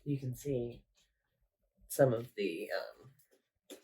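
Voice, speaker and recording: Rumbling low, dark and husky, this woman's voice has lively intonation and drawn-out words, sounding nasal and congested from illness. She's a craft vlogger casually rambling and self-correcting as she shows her projects at home. The audio is poor.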